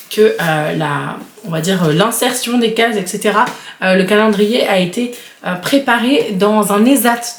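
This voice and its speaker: A woman in her thirties chatting casually and enthusiastically as she unboxes beauty products, with frequent fillers. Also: mid-range voice. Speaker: beauty vlogger. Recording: roomy echo.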